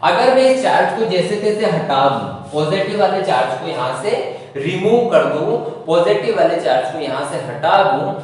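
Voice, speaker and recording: A hoarse male teacher explains a lesson, asking his students question after question and then answering them himself. His voice sits a little high for a man. It reaches the mic from a distance and rings through a large, echoing room. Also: big pitch swings, moderate pace, a little hiss or hum. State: sore throat. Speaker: physics teacher. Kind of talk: classroom lecture. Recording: echoey hall, voice from far off.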